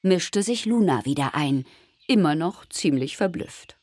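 Low-voiced woman reading a children's story. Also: animated, unhurried, a little mellow, no echo. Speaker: narrator. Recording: faint music behind.

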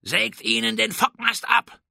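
A man's voice: low-pitched, expressive, moderate pace, sharp tone, husky, dry recording, clean studio sound, full character voice. A man voicing a bold, self-assured male pirate captain who barks orders, in a storybook reading. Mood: shouting orders.

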